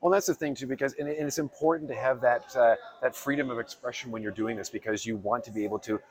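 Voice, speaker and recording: Super fast talker doing casual convention interviews, really enthusiastic, rambles and repeats words. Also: medium pitch. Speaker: interviewer, YouTube host. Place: busy fan convention.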